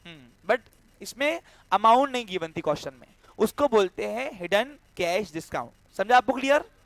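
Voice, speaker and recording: A man's voice: sits high, expressive, moderate pace, vocal fry, no echo. A man teaching an accountancy class, explaining entries step by step and checking often that the students follow. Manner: acts out a cash handover with a student. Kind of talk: classroom lecture.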